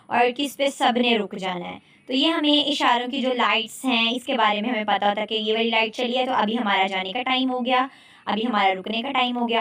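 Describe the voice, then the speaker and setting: Pakistani woman, online recitation teacher, patient explainer, slightly high voice. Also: bright, forceful tone. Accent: Pakistani Urdu. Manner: explains patiently, often checks in with "ٹھیک ہے؟". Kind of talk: online lecture.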